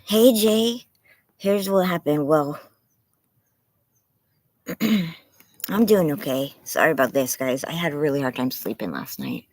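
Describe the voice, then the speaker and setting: This livestreamer talks casually in a yard, apologizing and rambling through a muffling face mask, anxious and with a tired, strained throat. Medium in pitch and very animated, the speech is measured with long pauses, and there's no room sound.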